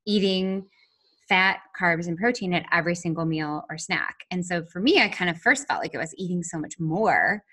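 A woman hosts a podcast with a lowish, slightly bright voice, lively intonation and normal speed. She is enthusiastic and conversational, casually chatting but sometimes reading from a prepared script for the intro.

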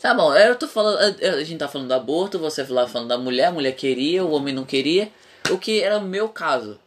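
A man's voice: a little high, expressive, fast talker, fairly bright tone, slight background noise. A young man hosting a casual podcast, talking frankly and rambling, swearing freely. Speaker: podcast host.

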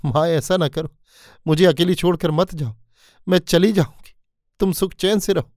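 A man voicing a gentle, earnest young wife in a spoken story, pleading with her elders. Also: fairly high pitch, steady tone, moderate pace, dry recording, studio quality, voice pushed up, natural voice.

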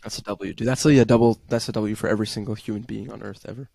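A young man with a gravelly, creaky voice talks football on a podcast in a blunt, offhand way and swears now and then. His voice sits in a middle range, recorded close and dry. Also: fairly low pitch, fairly even intonation, rapid-fire, dark tone, dry recording. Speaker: podcast co-host. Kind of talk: casual football chat.

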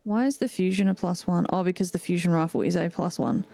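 A woman's voice: lowish voice, fast, gravelly, dark tone. A woman playing a tabletop game, chatting casually and swearing freely. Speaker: player.

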